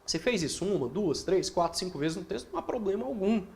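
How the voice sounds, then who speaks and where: Lively Brazilian man teaching writing. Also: sits high, vocal fry. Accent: Brazilian Portuguese. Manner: explains with quick rhetorical questions and tag questions; acts out student questions in his own voice. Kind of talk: online course lecture.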